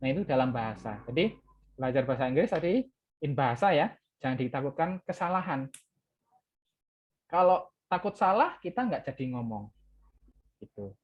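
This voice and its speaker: The lo-fi sound captures a medium-pitched, sing-song man talking fairly quickly with long pauses. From Java, with Javanese as his first language and an Indonesian accent, he lectures an English class. He alternates English and Indonesian, repeating key words with "ya".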